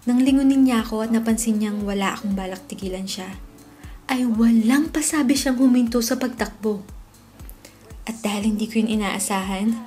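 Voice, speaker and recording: A young woman narrating her own story in first person as the dubber of a comic, expressive and lively in delivery. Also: a little high. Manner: expressive, swings into loud excited shouts. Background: faint background music.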